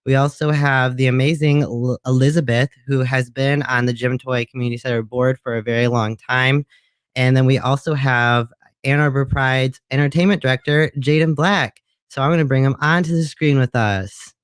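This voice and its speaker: Man, livestream host, casual chat, smooth resonant voice, dry close sound. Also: mid-range voice, moderate pace, no echo. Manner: relaxed, chatty, many ums.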